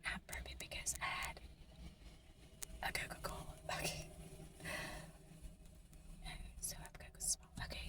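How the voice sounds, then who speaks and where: A woman, an artist and content creator, doing a whispered vlog rant at home, rambling and venting. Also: recorded from a distance.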